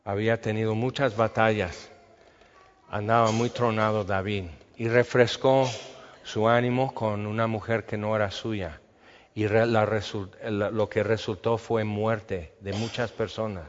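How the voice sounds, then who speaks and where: A man's voice: fairly low pitch, fairly even intonation, measured pace. A man preaching a sermon, telling stories with animation and acting out the scenes. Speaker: pastor. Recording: dull reverberant hall sound.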